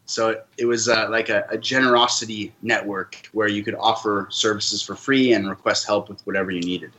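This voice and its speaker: A man from Canada speaks as a podcast guest. His voice is bright and forceful, a little low in pitch, and he tells his story in an earnest, reflective way. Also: steady tone, normal speed, rough recording. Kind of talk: casual interview storytelling.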